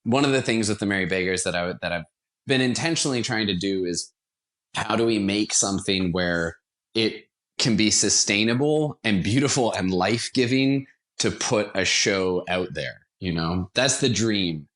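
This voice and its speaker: A Washington, D.C. man who founded a theater company talks as an interview guest, earnest and conversational, repeating words to stress them. His pitch is on the low side and a bit bright, at a moderate pace.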